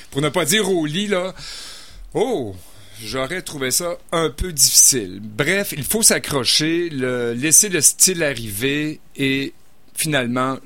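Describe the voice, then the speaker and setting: A man talks through a novel's plot in a relaxed, chatty way. He hesitates often, restarting phrases and filling pauses. His voice sits at an ordinary pitch and sounds close and dry, with no room around it. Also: no room sound. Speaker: book reviewer. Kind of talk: casual radio book review.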